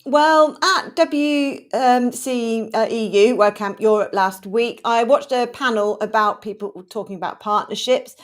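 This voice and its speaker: Lady cohost of a podcast, kinda high voice, measured scripted intro. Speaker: co-host. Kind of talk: podcast hosting.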